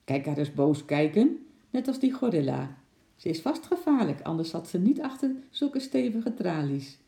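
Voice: medium pitch, very animated, moderate pace, gravelly, dark tone. A reader voicing a mocking big boy in a children's storybook, teasing in a sing-song way, with a roomy echo.

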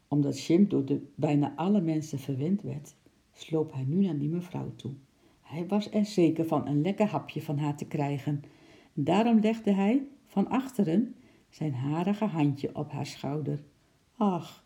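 A woman reading a children's story aloud in a calm, expressive storytelling voice. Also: low-pitched, vocal fry.

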